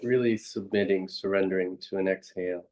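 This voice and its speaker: A meditation teacher guides a session with a deep, steady voice. He speaks reflectively in short, unhurried phrases and asks gentle questions.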